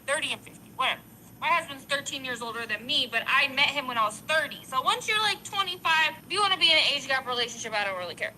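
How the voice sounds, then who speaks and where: A woman in her forties with a high, very bright and forceful voice streams from home, reacting to videos. She talks emphatically and bluntly, raising her voice when a point matters to her. A faint hiss sits under her voice. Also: expressive, fast talker, rough recording. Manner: emphatic, opinionated, gets loud when passionate. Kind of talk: live-stream commentary.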